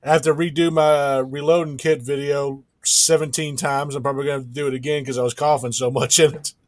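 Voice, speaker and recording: A man's voice: medium pitch, level tone, fast, no echo. A man sick with a cough, chatting casually and laid-back on a podcast. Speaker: podcast co-host.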